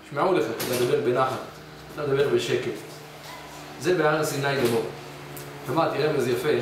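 A man, a rabbi, giving a weekly Torah portion sermon in a study hall, telling parables and acting out lively voices. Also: fairly high pitch. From Israel. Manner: storytelling, acts out mountains and scolding spouse in raised voice. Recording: distant mic, echoey hall, faint noise.

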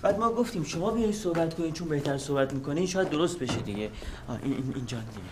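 A man's voice: on the high side, animated, background noise, lightly acted. An actor playing a fussy male hotel worker who talks in a chatty, rambling way. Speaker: hotel staff.

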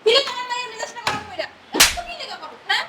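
An actress playing a sharp-tongued middle-aged mother-in-law who scolds shrilly. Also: very high-pitched, animated, very fast, exaggerated voice. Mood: scolding. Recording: roomy, distant, noisy.

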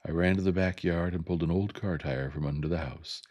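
A man narrating a novel in a gentle, soft ASMR reading. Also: low-pitched, fairly quick, lo-fi sound.

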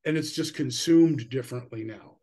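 A man's voice: mid-range voice, moderate pace, warm tone. A middle-aged man talking as the guest musician on a video call, rambling and enthusiastic with many "you know"s. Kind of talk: casual interview chat. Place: indoor room at home.

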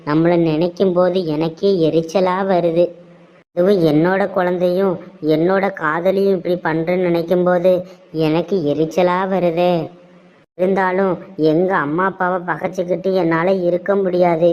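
Cartoon role: remorseful, scheming young man, played by a woman, Tirunelveli Tamil accent, low flat delivery. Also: normal speed, lightly acted. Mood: guilty musing. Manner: pleading, theatrical. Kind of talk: cartoon voice acting. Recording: dull lo-fi sound.

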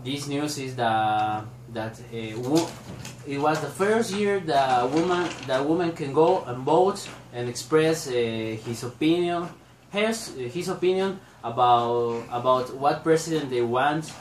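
A young man gives a class presentation in English, halting with many filler sounds and restarts, recorded on a laptop mic in a small room. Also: medium pitch, slight background noise. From Bolivia. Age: young adult. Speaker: student presenter. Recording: echoey room, a bit distant.

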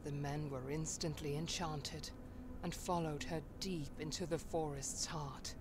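A woman voicing a solemn storyteller who narrates a dark tale in a game, in a slow, grave manner. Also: low voice, steady tone. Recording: game audio with ambient noise.

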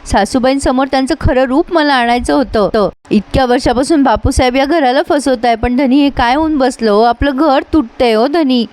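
A woman reading as a young daughter-in-law from a TV serial, earnest, pleading, tearful appeals, slightly high voice. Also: moderate pace, hardly any pauses, a little mellow, lightly acted.

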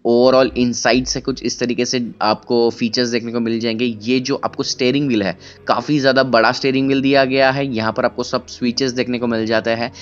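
A young man in his twenties walking through a bus at an indoor expo hall, giving a casual vlog-style walkaround review with many "uh" pauses, on a handheld camera mic. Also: medium pitch, clean tone, lo-fi sound. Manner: casual, Hindi mixed with English, many "uh" pauses. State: tired but excited. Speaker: car vlogger.

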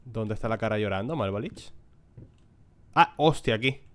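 A man's voice: lowish voice, animated, moderate pace. A man, giving casual let's-play commentary on a horror game, chatting to his viewers and swearing freely. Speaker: gaming YouTuber.

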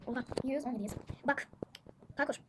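A woman's voice: high-pitched, moderate pace. A woman chatting casually to viewers while playing a game and commenting on it. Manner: chatty, addresses viewers constantly. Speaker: gaming channel host. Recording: noisy background with siblings chattering. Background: siblings talking in the background.

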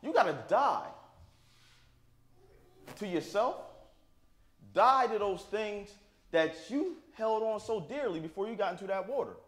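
A man with a high, somewhat bright, expressive voice preaches a little slowly, with long pauses. He speaks informally and plainly to the congregation, asking "right?" after his points, in an echoey church sanctuary.

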